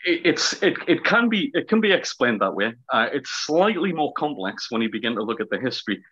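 A man's voice: medium pitch, sing-song, brisk, fairly bright tone, breathy edge. A man of about fifty with a heavy Northumberland accent and long vowels, explaining things in an interview in a hesitant, word-searching way. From Northumberland, north-east England. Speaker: interview guest, historical fencing teacher. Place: small room at home, indoors. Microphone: video call, webcam distance. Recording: slightly dull video-call audio.

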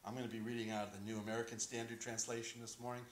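Relaxed middle-aged pastor in echoing church. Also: male voice, medium pitch, very fast, slight background noise. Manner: relaxed, joking asides, many fillers. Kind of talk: sermon. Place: small wood-paneled church sanctuary, indoors. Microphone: podium microphone. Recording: roomy church echo.

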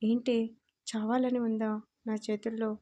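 A woman's voice: on the high side, flat delivery, a little slow, mellow, lo-fi sound, close to an everyday voice. Woman voicing a stern young husband. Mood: angry. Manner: demanding, scolding questions.

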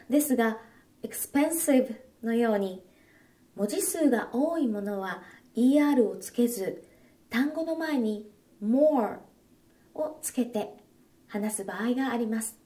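A woman giving scripted instructional narration, repeating each phrase slowly and carefully for learners. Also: on the high side, mellow, far from the mic.

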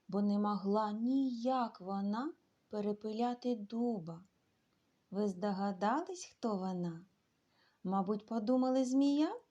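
Slow, lively-voiced woman teacher. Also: a little high. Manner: slow, sing-song teacher's delivery addressing children. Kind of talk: children's literacy lesson.

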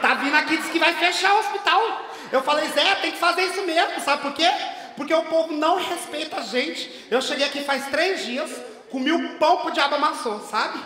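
A man playing a brash, fed-up woman, told in a stand-up comedy monologue, who gossips and rants in a high, bright, piercing voice with sudden shouted bursts. The sound is echoey, caught from far off in a long hall reverb. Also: fairly quick. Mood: indignant. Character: brash indignant woman caring for her hospitalized father. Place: theater stage at a live show.

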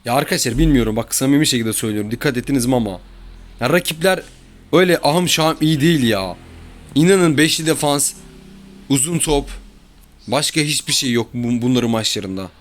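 Over his football video game match, a Turkish YouTuber keeps up fairly quick, casual commentary at medium pitch. He's exasperated, complaining about his own errors and rotten luck.

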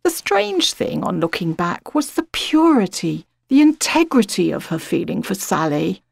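A British-accented woman narrates literary fiction in an expressive, reflective dramatic reading. Her voice sits on the low side, creaky and husky, at a measured pace, with no echo.

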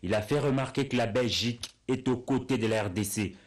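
A man reading a scripted news report in a steady, formal way. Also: mid-range voice, fairly quick, noisy background.

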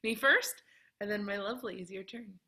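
In a mid-range voice at a moderate pace, a woman in her thirties teaches kids music over a video call from an empty classroom. Her delivery is animated, encouraging, and sing-song, exaggeratedly clear like a kindergarten teacher's, picked up by a computer mic at arm's length.

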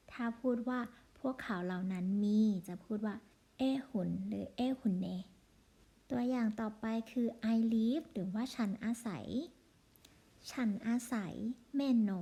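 A woman teaching a language lesson, drilling word forms one by one in a slow, deliberate way. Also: on the high side, dark tone.

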